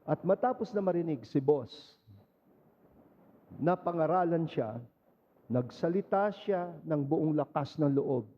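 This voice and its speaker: Man, Filipino accent, priest, Sunday homily, storytelling, slow delivery, dull lo-fi recording. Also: a little high. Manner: conversational, animated storytelling with English mixed in. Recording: muffled lo-fi recording.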